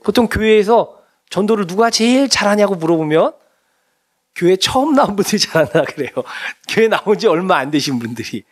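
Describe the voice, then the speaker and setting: Male pastor, middle-aged, sermon, conversational, rhetorical questions, high voice, lively intonation. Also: a little fast. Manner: animated, conversational preaching with frequent rhetorical questions.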